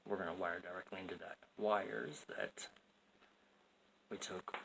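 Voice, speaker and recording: A man's voice: sits low, lively intonation, a little slow, creaky, a bit bright. A man casually explaining a DIY wiring fix, rambling and joking at himself, in a noisy home recording. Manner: rambling, self-mocking, jokey. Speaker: DIY video maker.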